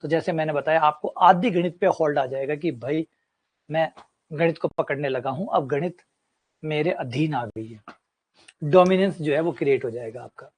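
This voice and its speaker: A man's voice: a little high, normal speed, breathy edge. A man, teaching a maths class as a lecture and explaining with everyday examples and repetition.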